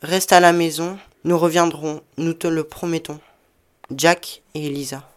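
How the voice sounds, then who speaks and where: A restless teenage boy with shapeshifting powers speaks with earnest determination, as a woman plays him. The voice is on the low side for a woman. He is the bold young hero of an amateur audio drama. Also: fairly even intonation, unhurried. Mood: solemn.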